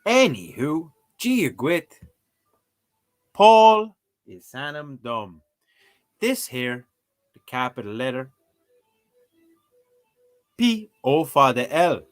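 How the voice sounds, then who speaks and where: A man learning a language on stream comments casually through his lesson, joking and putting on mock exclamations. His voice is on the high side and sing-song, drawing out words and pausing often, with faint music behind.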